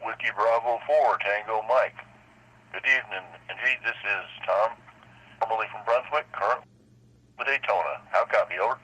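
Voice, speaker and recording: Bright-voiced man over a ham radio link. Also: lowish voice, normal speed, husky. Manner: relaxed, signs off with procedure words. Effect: heard over a ham radio link. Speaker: ham radio operator checking into a net. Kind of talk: casual radio check-in with call signs. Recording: lo-fi radio transmission.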